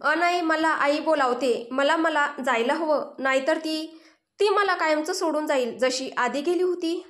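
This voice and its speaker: A woman's voice: high voice, a little slow, a bit bright, pitched above the performer's own voice. A woman voicing a fragile, grieving young woman who pleads through tears and stammers over her words in a story reading. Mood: tearful pleading. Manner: tearful, pleading, stammering repeats. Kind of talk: Marathi audio story dialogue.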